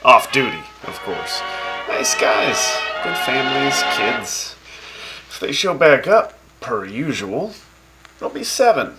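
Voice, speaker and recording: With music running underneath, a man voices a swaggering, opinionated fan-drama radio host, teasing guests and joking through lively speeches. He speaks slowly at medium pitch, and the recording is rough.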